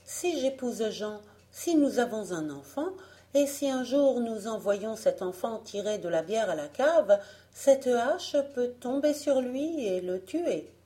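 A woman's voice: on the high side, animated, slow, warm tone, pitched above the performer's own voice. Woman doing Alice, a fretful young girl. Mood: fretful wailing. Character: anxious tearful young woman, endlessly fretful.

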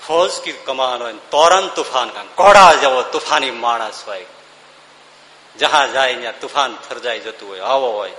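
A man's voice: medium pitch, normal speed, sharp tone, reverberant, long reverb tail. A man giving a devotional discourse, speaking emphatically with rhetorical questions and breaking into sung verses.

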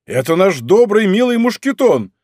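A man voicing a bold musketeer with loud, emphatic exclamations in a storybook reading. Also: high-pitched, expressive, normal speed, dry recording, studio quality, voice pushed up. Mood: hearty. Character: bold male musketeer, brisk and hearty.

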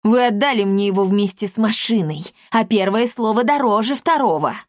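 A woman voicing a greedy old man, a miser who squeals and shouts over his treasure. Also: mid-range voice, moderate pace, no room sound, studio quality, close to an everyday voice. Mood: greedy, frantic.

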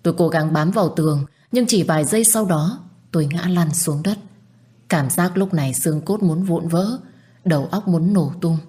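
A woman narrating a sad first-person story in a somber, steady way. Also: low-pitched.

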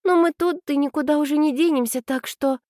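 Woman doing a young girl, high voice, earnest, stubborn, dry sound. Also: a little fast, warm tone, dry recording, close to an everyday voice. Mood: eager. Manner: high, pleading.

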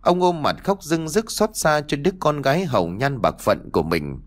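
A male storyteller reading an audiobook. His delivery is expressive and lively, rising and falling freely in pitch as the tale unfolds. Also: normal speed. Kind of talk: audiobook narration.

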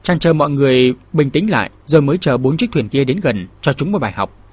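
A man hosting his channel and narrating a martial-arts novel audiobook in a steady, measured storytelling manner. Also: mid-range voice, breathy edge, dry recording.

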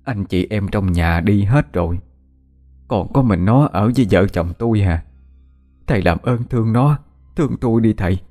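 A man's voice: low voice, normal speed, mellow, soft background music. A man voicing a desperate elderly mother who begs a healer through tears. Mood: tearful begging. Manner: tearful pleading.

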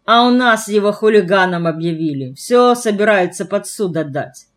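A female audiobook reader voicing a quick-tempered young woman with shrill, scolding outbursts. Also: animated, lightly acted. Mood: indignant.

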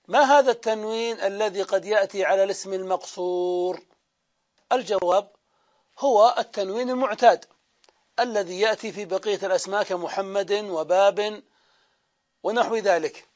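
A man's voice: high-pitched, a little mellow. A man teaching a classroom grammar lesson. He explains step by step, asks his own questions and answers them, and draws out example words as he repeats them. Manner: drawn-out repetition of example words. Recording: dull lo-fi lecture recording.

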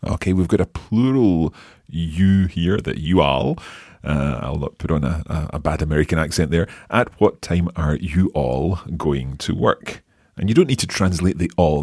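Deep-voiced man teaching Italian. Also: normal speed, a little mellow, no echo, clean studio sound. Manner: clear, patient explaining. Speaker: language teacher, host. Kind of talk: language lesson podcast.

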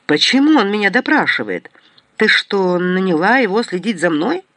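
A man voicing an agitated middle-aged male professor who stammers and bursts out in shrill outbursts. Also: sing-song, normal speed, a bit bright, slightly rough, no room sound, full character voice. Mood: indignant.

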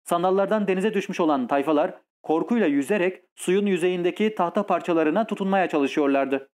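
A man narrating an adventure audiobook in a steady, measured storytelling voice. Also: high voice.

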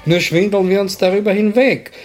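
A man, a senior physician calmly explaining life's highs and lows. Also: brisk. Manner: calm, explaining, speeds up at times. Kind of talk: explanatory commentary. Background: faint music.

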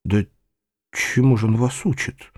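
A man voicing an earnest young gentleman who questions and reasons with his uncle. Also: mid-range voice, fairly even intonation, measured pace, dry recording, studio quality, natural voice. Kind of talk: audiobook character voice.

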